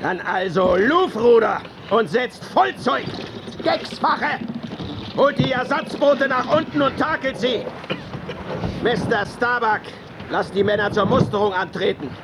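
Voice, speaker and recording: An actor playing an obsessed, vengeful old whaling captain in a radio drama, barking orders and brooding theatrically. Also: male voice, extremely high pitch, unhurried. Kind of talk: German radio drama acting. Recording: noisy sea ambience with boat sounds.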